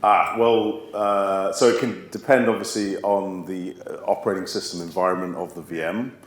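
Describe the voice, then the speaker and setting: A man answering technical questions at a live event, halting, with many restarts. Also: low-pitched, fairly even intonation. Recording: roomy echo, faint hum.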